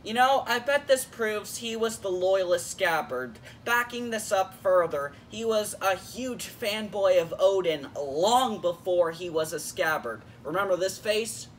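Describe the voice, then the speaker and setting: A man's voice: sits high, lively intonation, unhurried, few pauses, recorded from a distance, a little hiss or hum. A man hosting a casual YouTube episode review in a jokey, playful way. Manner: jokey, playful, switches into silly voices.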